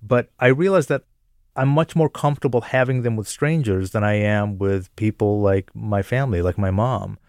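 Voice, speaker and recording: Man from Jordan, low voice, reflective storyteller on a radio chat, dry studio sound. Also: moderate pace, a little mellow, no echo. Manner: thoughtful, self-reflective, laughs easily. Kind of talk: conversational radio chat, telling personal stories.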